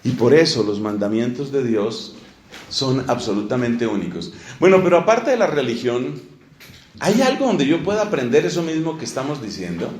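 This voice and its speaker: A man preaching a sermon, animated, swinging between loud emphatic lines and low asides, acting out little dialogues. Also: normal speed. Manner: acts out little dialogues in different voices. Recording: echoey room with faint ambient noise.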